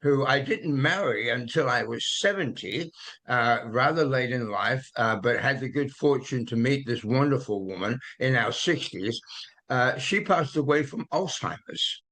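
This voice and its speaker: Born in London and raised in Australia, this man in his eighties speaks with an Australian accent as an interview guest, gently sharing personal stories full of hesitant fillers. His mid-range voice has lively intonation and a measured pace, in a reflective, conversational storytelling style.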